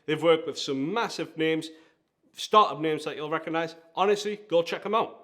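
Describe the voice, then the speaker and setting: A design agency founder with a Geordie accent hosts a countdown-style vlog, presenting with enthusiasm and strong emphasis. His voice is on the high side and a bit bright, moving at a normal speed.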